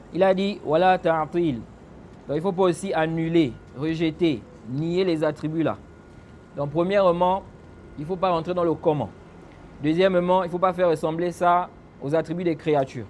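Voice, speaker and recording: Man, religious teacher, high-pitched voice, rhetorical questions, recites Arabic phrases, faint traffic noise behind. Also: darkish tone. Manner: asks the listeners rhetorical questions and answers them; recites Arabic phrases between French explanations. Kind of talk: explaining a classical text in a lesson.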